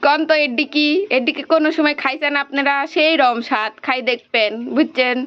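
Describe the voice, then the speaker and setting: A woman vlogger with a Pabna Bengali accent chats casually to her viewers, addressing them directly as she shows off picnic cooking at home in regional dialect. Her voice is high and fairly quick, and the recording sounds muffled.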